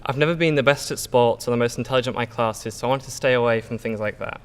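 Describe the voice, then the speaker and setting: Speaking fast at medium pitch, a Yorkshire-accented English teenager gives a sincere school speech he has prepared, stumbling slightly and using fillers. The hall he's in is echoey, with long reverb.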